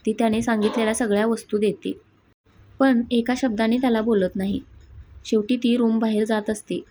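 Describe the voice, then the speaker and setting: A woman narrating a family drama story in a plain, steady storytelling manner, with a husky voice. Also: fairly high pitch, normal speed, low-quality recording. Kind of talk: scripted narration.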